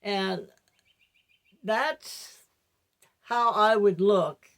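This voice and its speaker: An older woman without her teeth in, talking to viewers in a rambling, reflective, halting personal monologue as a vlogger. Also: mid-range voice, fairly bright tone.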